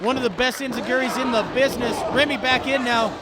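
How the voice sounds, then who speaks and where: Man, wrestling commentator, very high excited pitch, exclamatory live move calls, loud crowd behind. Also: quick pace. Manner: exclamatory, reacting to each move. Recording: noisy crowded arena.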